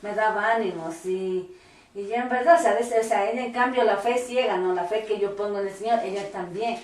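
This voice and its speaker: A woman's voice: medium pitch, a little fast, a little mellow. A woman in a church cell group, earnestly telling a personal story in casual discussion. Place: small home church meeting room. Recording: roomy, distant mic, faint noise.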